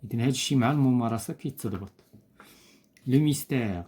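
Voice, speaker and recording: A male teacher with a Moroccan Arabic accent steps through a textbook exercise at an even pitch for a man. His delivery is patient and methodical. He repeats each example word and pauses on small hesitant fillers. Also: breathy edge. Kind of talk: explaining a French textbook exercise.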